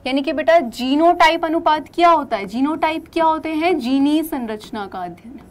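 A young woman with a very high voice teaches a class. She asks her students questions, answers them herself, and keeps repeating the key terms. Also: moderate pace.

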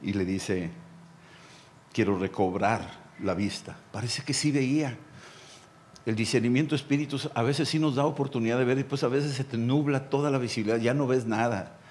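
A man with a Mexican accent, a pastor preaching a sermon, repeating phrases and dropping to quiet lines. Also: mid-range voice, fairly even intonation, brisk, slight background noise.

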